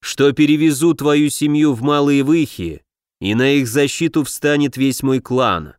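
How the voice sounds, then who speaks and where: A man voicing a stern heroic warrior who speaks in a low, firm, weighty way in an audiobook. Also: measured pace, no room sound, studio quality, close to an everyday voice. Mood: grave firm. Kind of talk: audiobook narration.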